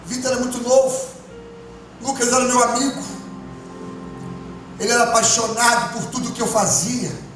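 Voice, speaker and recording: A man, a pastor, giving an emotional testimony sermon, moving between hushed and loud. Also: very high-pitched, steady tone, normal speed, pauses often. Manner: impassioned, swinging from hushed to loud. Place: church. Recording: echoey church hall from far off, music behind.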